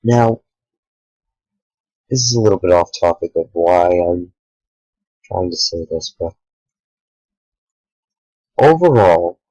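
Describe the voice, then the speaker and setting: A tired young man talking earnestly to the camera late at night, a small YouTuber speaking in halting sentences with sighs. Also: sits low, animated, mellow, dry recording, lo-fi sound. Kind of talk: sincere direct-to-camera talk.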